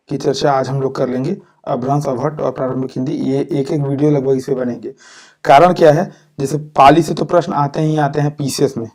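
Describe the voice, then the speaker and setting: Male lecturer, mellow dark tone, level delivery, checks in with "okay" after each point. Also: fairly high pitch. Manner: repeats "ठीक है" after points, with fillers and restarts. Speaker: teacher. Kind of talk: exam-prep lecture.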